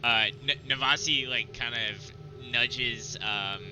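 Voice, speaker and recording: A man playing a tabletop game, casually describing his character's actions in a halting way. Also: medium pitch, bright, forceful tone, a little hiss or hum, rough recording. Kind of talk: casual improvised game chat.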